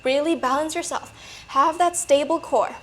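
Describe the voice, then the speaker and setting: Peppy breathy lady leading a workout, high voice, bit of noise in the background. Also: normal speed. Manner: peppy, encouraging coaching. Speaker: fitness coach. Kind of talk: workout instruction.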